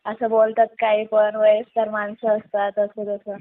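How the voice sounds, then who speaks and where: This caller is a woman from Badlapur, near Mumbai, speaking at medium pitch in an unhurried monotone. She makes her complaint with mild reproach and some evasiveness, heard through tinny, narrow phone-line audio.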